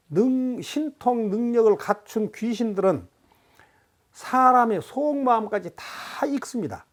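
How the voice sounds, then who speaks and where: Buddhist monk doing a calm dharma talk, slow and steady, homey examples. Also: medium pitch. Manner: calm, measured teaching with everyday examples.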